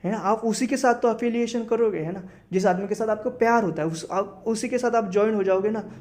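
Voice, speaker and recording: Indian man teaching vocabulary, fairly high voice. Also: a little fast, a little mellow. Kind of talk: explaining lesson in Hindi and English.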